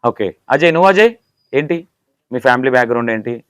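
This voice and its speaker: A man's voice: medium pitch, expressive, quick pace, fairly bright tone, smooth, dry recording. A man with a Telangana accent conducting a casual interview, asking teasing, playful questions. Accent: Telangana Telugu.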